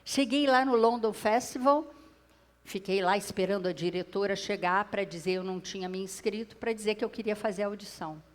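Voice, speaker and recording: Giving a public talk, a Brazilian woman wearing a clip-on mic shares her story with a live audience in a Brazilian Portuguese accent, a lively storyteller who frequently speaks to them directly. She talks fairly quickly at a middle pitch for a woman.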